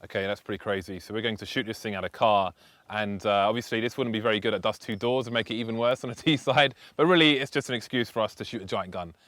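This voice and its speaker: A man's voice: on the low side, quick pace, a bit bright, no room sound. A man presenting a casual video segment at an outdoor firing range.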